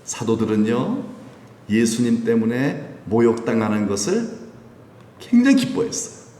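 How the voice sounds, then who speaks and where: A man's voice: medium pitch, sing-song, unhurried, mellow. A man preaching a sermon at a Friday prayer meeting, acting out quoted voices and chuckling often. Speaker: pastor. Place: church sanctuary. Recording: echoey hall, light background hiss.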